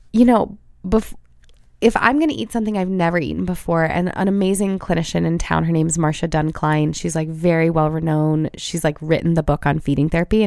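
A woman's voice: lowish voice, a little mellow, dry recording, clean studio sound. A woman in her thirties, a pediatric feeding therapist, talking in an earnest, heartfelt way with frequent fillers in a conversational interview.

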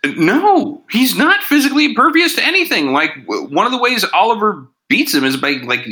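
A man's voice: high-pitched, very animated, normal speed, bright, forceful tone, low-quality recording. A man hosting a casual podcast reviewing TV episodes, chatty and sarcastic, with lots of asides. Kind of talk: casual chat.

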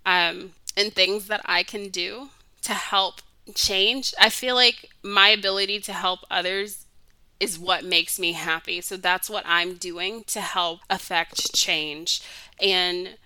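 A woman's voice: medium pitch, fairly even intonation, slow pace, pushed and bright, no room sound. A young adult woman hosting a solo podcast, talking in an earnest, heartfelt way with lots of "like" fillers, her voice close to cracking with emotion. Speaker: podcast host.

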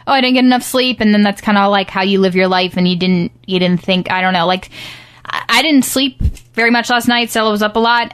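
A woman's voice: mid-range voice, a bit bright, smooth, dry recording, studio quality. A woman co-hosting a show, talking in an easygoing, reassuring, chatty way. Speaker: podcast co-host. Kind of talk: casual chat.

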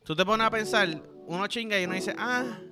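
A young Puerto Rican man hosts a casual comedy podcast in a Puerto Rican Spanish accent, talking fast in a high, steady voice over music. He rambles crudely and playfully and keeps checking in with the listener.

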